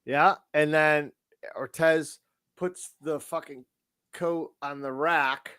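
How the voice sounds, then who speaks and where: A man co-hosting a podcast, chatting crudely and excitably about a movie and laughing often. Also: fairly high pitch, slow, clean tone, no echo. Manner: profane, excitable, laughs a lot. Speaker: podcast co-host. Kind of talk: crude casual chat.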